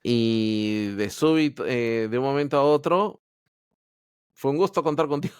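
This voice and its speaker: Speaking at a measured pace in a clean, mid-range voice, a Peruvian man shares his story as a guest on a podcast. The Android developer is candid but hesitant, restarting often in this casual interview; the studio-quality recording has no echo.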